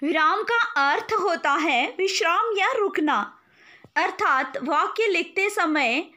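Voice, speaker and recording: A woman teacher, giving an online grammar lesson in a slow, deliberate, dictation-like way. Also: high voice, sharp tone.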